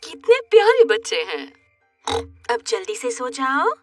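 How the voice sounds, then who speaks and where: A woman's voice: high voice, wildly swooping pitch, unhurried, no room sound, far from the mic, faint music behind, full character voice. A woman voicing a kindly old grandmother pig in a children's cartoon, affectionate and coaxing. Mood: doting. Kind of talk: children's cartoon dub in Hindi.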